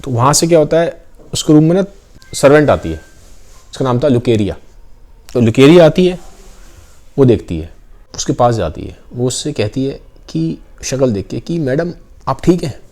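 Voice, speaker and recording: A man's voice: mid-range voice, big pitch swings, moderate pace, pauses often, a little mellow. Man casually retelling a story. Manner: conversational, mixes Hindi with English phrases, acts out quoted lines.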